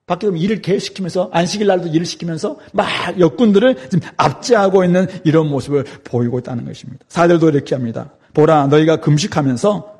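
A man's voice: fairly high pitch, fast, few pauses, a little mellow, husky. A man preaching an expository sermon, emphatic and dramatic, asking rhetorical questions. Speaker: pastor.

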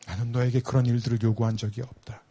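A man voicing a gentle, patient lord who tenderly and slowly corrects a troubled woman. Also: medium pitch, little pitch movement, breathy edge, voice pushed down. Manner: tender, slow, searching.

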